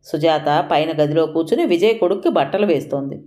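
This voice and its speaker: A woman narrating an audio story in an even, measured reading. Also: low voice.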